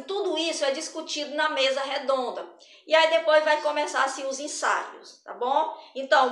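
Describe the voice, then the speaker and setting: A woman's voice: sits high, a bit bright. A woman teaching an arts lesson in a chatty, explanatory way, with many hesitations and restarts. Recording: roomy echo.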